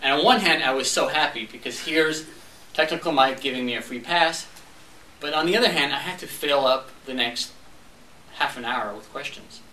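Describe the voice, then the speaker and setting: Performing for a club audience, a young adult French speaker from Montreal, Canada, recounts something funny and mimics the voices of those involved. His pitch is medium and his pace normal, his tone bright and forceful. Sound comes from a distant mic in an echoey meeting room with faint noise behind it.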